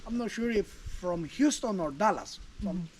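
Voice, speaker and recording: A high-pitched, animated man speaks at normal speed while guiding a tour outdoors at a jungle archaeological site. He explains things chattily, often restarting his sentences. Faint outdoor noise can be heard.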